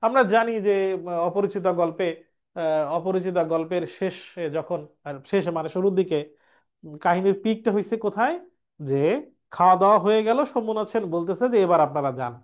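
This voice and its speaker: A man's voice: high voice, normal speed, long pauses. A male teacher runs an exam revision lecture, explaining step by step and answering his own questions. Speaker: Bengali language teacher.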